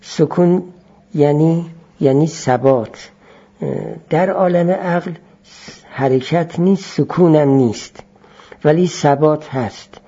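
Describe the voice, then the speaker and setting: A male teacher lecturing on philosophy at a measured pace, returning to his key phrases to make them stick. His voice is dark and mellow, a little higher than usual. The lo-fi recording sounds muffled. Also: slightly rough. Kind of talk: explanatory classroom lecture.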